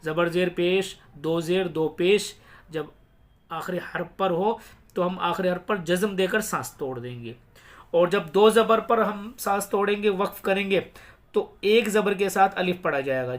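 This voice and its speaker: A man teaching Quran reading in a recorded lesson, explaining the rules patiently and then spelling out words slowly, syllable by syllable. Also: high voice.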